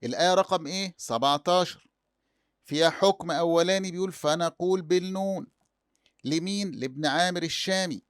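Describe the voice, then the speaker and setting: A man's voice: high voice, a little fast, smooth, no room sound, studio quality. A man with an Egyptian accent teaching a lesson, asking and answering his own questions. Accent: Egyptian Arabic. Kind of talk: explanatory lesson.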